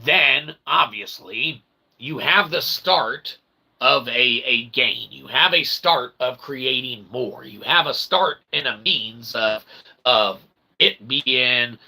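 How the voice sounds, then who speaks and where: This animated man has a mid-range voice that sounds pushed and bright, with vocal fry and a breathy edge, and he takes his time. Hosting his own channel, he addresses the camera in a rambling, jokey philosophical riff built on repetitive pseudo-formal wording and offhand cursing. The recording is rough, with noticeable background noise.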